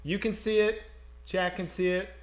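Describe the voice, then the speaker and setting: A man's voice: high voice, moderate pace. A man with a nasal voice co-hosting a casual live stream, swearing freely and fumbling with the tech as he chats. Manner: profane, animated, fumbling with tech. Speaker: co-host.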